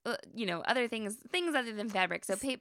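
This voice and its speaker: A woman co-hosts a podcast in a chatty, laughing way. Her voice is bright and slightly high, with a gravelly edge. It sounds dry and close to the mic. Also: animated, quick pace, no room sound. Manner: chatty, laughing, tells stories with impressions. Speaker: podcast co-host. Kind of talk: casual chat.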